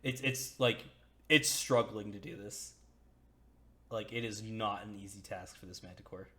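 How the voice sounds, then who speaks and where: Low-voiced guy dming a tabletop game on voice chat, laid back, lots of ums and restarts. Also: unhurried. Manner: relaxed, chatty, hesitant with fillers and restarts. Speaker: dungeon master. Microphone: home computer mic, voice chat.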